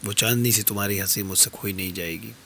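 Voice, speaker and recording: A man's voice: lowish voice, steady tone, vocal fry, sharp tone, husky, voice pushed down, exaggerated voice. A man as a serene, philosophical wandering stranger. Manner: measured, philosophical, consoling. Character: calm, detached wandering male stranger, philosophical. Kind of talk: dastangoi storytelling performance. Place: radio studio.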